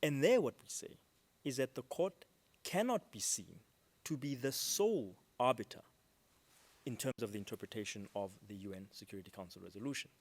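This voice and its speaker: A man delivers a formal legal rebuttal in a courtroom, speaking into a desk microphone at a middling pitch. He is measured and deliberate, fills gaps with ums, and leans hard on the words that carry his point. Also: expressive. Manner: measured, with frequent ums and stresses on key words. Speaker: counsel for a state at a court hearing.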